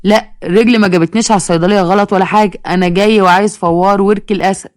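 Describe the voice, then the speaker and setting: A woman's voice: medium pitch, steady tone, racing, no room sound, clean studio sound, close to an everyday voice. A woman voicing a stubborn, muddled Egyptian man who mangles medicine names. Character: simple male customer, stubborn and muddled.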